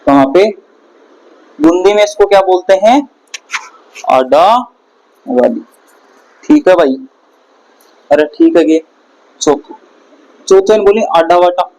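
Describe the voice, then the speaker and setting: A man's voice: sits high, very animated, measured pace, creaky, long pauses, a little mellow, rough recording. Male teacher drilling a class. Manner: quizzes the class with repeated questions. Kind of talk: classroom lecture. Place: classroom with students.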